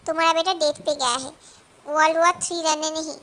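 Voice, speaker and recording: A woman's voice: high voice, steady tone, brisk, sharp tone. A woman voicing an easygoing middle-aged father in a fan-dubbed drama, speaking wryly and teasingly. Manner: wry, teasing.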